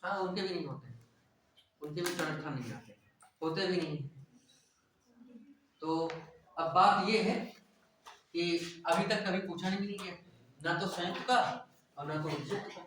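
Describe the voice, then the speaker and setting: A man with a fairly high voice teaches a class, posing questions and answering them himself. He keeps checking in with the listeners. The recording is very echoey, and his voice comes from some distance from the microphone. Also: a little slow, pauses often, a bit bright, a little hiss or hum. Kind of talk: classroom lecture. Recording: echoey room, voice from far off.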